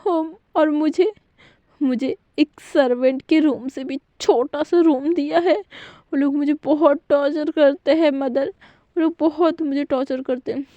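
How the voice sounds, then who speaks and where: A woman's voice: high voice, fairly even intonation, measured pace, warm tone, no room sound, dull audio, voice pushed up. A woman voicing a young wife who sobs and pleads, complaining that she is mistreated. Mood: tearful complaining. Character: young wife, tearful and self-pitying.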